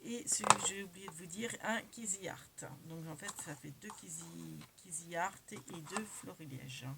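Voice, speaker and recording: In a very noisy recording, a woman with a lowish, gravelly voice speaks a little slowly while showing her craft-supply haul as a crafting vlogger. Her manner is chatty and hesitant, packed with fillers and frequent self-corrections.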